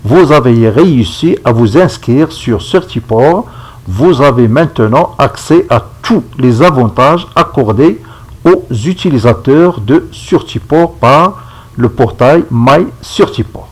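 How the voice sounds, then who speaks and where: A man giving a step-by-step software tutorial, checking in with his viewers as he goes. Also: medium pitch, expressive, breathy edge, poor audio. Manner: slow, step-by-step, checks in with "d'accord?". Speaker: instructor. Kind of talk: screen-recorded software tutorial.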